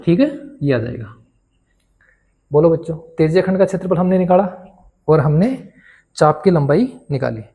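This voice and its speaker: A man's voice: a little high, lively intonation, moderate pace, vocal fry, pauses often, warm tone. A man teaching a maths lesson, who keeps asking his students questions and then answers them himself. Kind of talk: classroom-style maths lesson.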